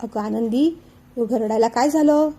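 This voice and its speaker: An older mother-in-law, calm and persuasive, as a woman narrator reads her. She reasons gently in a high, mellow voice. Audiobook family drama. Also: normal speed, husky. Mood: gently persuading.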